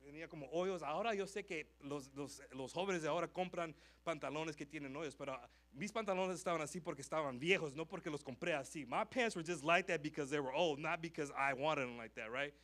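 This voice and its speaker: A man's voice: a little high, a little fast, few pauses, fairly bright tone. A man preaching a testimony in a church, telling his story with emotion and restating each line in a second language. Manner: switches between Spanish and English line by line, emotional storytelling. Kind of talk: bilingual sermon testimony. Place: church sanctuary.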